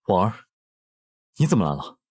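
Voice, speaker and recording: Deep husky emperor, stately and indulgent, period palace drama. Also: male voice, very animated, a little mellow, exaggerated voice. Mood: concerned. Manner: stately, measured imperial speech. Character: indulgent, commanding emperor devoted to his consort. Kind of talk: costume drama acting.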